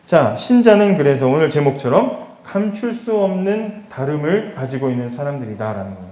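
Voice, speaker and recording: Male pastor, emphatic and chatty preaching, voice a bit high, reverberant room. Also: darkish tone. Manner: conversational, emphatic preaching with rhetorical questions. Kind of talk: sermon.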